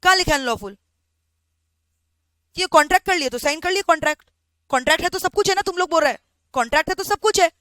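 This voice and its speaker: In a dry recording, a very high-pitched woman talks quickly and pauses often. Leading a law class with lots of animation, she acts out each side of a story and keeps asking "samajh mein aa raha hai?" to see if everyone is following.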